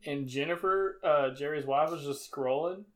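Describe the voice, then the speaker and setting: Excitable young man on a podcast. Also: on the high side, normal speed. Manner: excitable, animated storyteller. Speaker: podcast co-host. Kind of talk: casual chat.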